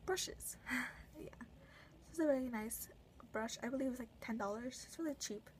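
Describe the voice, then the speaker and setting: A woman's voice: on the high side, moderate pace, darkish tone, slight background noise, poor audio. A young woman casually reviewing her makeup brushes at home, rambling with lots of fillers and self-corrections. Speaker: beauty vlogger.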